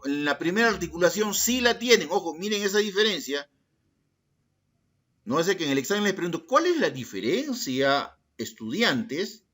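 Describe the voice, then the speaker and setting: A man's voice: high voice, fairly bright tone. A male schoolteacher teaching a class, calling on students by name, repeating their answers and posing questions in their voice. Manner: asks rhetorical questions in the students' voice. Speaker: secondary school language teacher.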